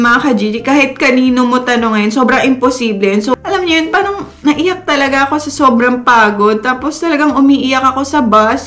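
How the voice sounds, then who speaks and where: A woman's voice: on the high side, fairly bright tone. A woman from the Philippines, a vlogger chatting to camera and venting candidly and earnestly to her viewers. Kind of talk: casual chat to camera.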